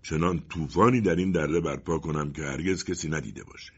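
A man's voice: very deep voice, breathy edge, pitched below the performer's own voice, exaggerated voice. A man playing a furious, menacing old wind. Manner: rude, menacing. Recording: muffled lo-fi recording.

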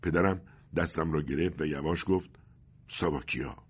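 A man narrating a story in a steady, grave storytelling manner, with a muffled recording. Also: extremely low pitch, creaky, breathy edge. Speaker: audiobook narrator.

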